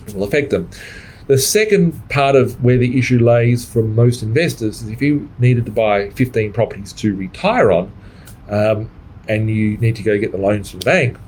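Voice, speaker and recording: A man's voice: mid-range voice, lively intonation, moderate pace, darkish tone, slight background noise, low-quality recording. A middle-aged Australian man who coaches property investors, talking bluntly and swearing in a livestream monologue, often tagging "right?" on his points. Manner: blunt, swears freely, keeps adding "right?".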